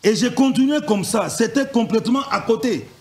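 A man, a fellow preacher, reading out and paraphrasing sermon quotations in a halting way, restarting as he goes. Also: very high voice, expressive, darkish tone. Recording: echoey room.

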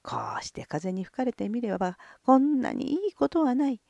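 A woman's voice: on the high side, lively intonation, gravelly, warm tone, no echo, muffled recording. Woman doing a whispering, singing skull. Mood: eerie. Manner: eerie whispering, drawn-out singing. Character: singing skull of a murdered male merchant.

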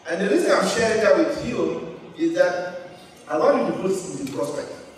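A middle-aged man from Cameroon tells his life story to a student audience, holding a handheld mic on a large auditorium stage. His voice sits a little high. The sound rings through a big hall and comes from some distance. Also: brisk. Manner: storytelling, animated gestures. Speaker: keynote speaker. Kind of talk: motivational speech to students. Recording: echoey hall, picked up from far.

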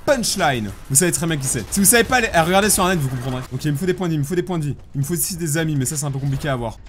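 A young man commentating his own game playthrough in a joking, self-mocking way, with sudden loud outbursts. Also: fairly high pitch, racing, a little hiss or hum. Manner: animated, self-mocking, bursts of shouting. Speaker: gaming YouTuber. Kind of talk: joking let's play commentary. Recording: faint background music.

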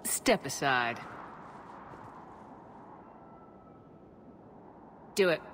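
A woman voicing a steady, wry, affectionate military space commander in a video game, understated and dryly teasing. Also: rumbling low, a little slow, slight background noise, full character voice. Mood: playful confidence.

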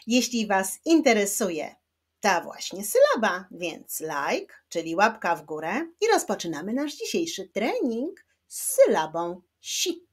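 A woman teacher giving a children's reading lesson, slowly clapping out words syllable by syllable. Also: medium pitch, sing-song, husky. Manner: slow, clapping out syllables one by one.

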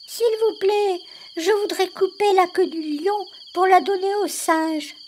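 A man voicing a small frightened boy in a storybook reading, speaking slowly and plaintively. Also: very high voice, fairly even intonation, darkish tone, slight background noise, pitched above the performer's own voice. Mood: polite pleading. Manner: slow, plaintive, childlike.

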